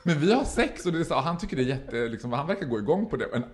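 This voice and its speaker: A man telling a story in casual podcast chat, laughing and acting out the voices of the people in it. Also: fairly high pitch. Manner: animated, laughing, acts out quoted voices.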